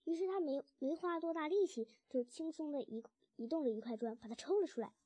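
A woman narrating a children's storybook in a gentle, expressive way. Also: high-pitched, fast, no room sound.

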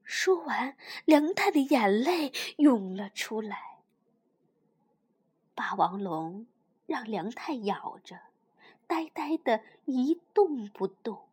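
A woman reading a bedtime story to a child in a soft, hushed, gentle voice. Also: a little high, sing-song, slow pace, slightly rough.

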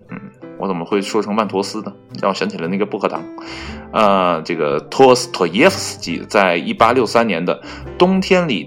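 A man with a very low voice reads an article aloud in a loose, chatty way, filling the gaps between phrases with little particles. He stumbles on foreign names and openly fixes them, and faint music plays underneath. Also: fairly bright tone. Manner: heavy use of filler particles between phrases. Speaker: reader of an online article. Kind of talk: casual read-aloud with chatty asides.

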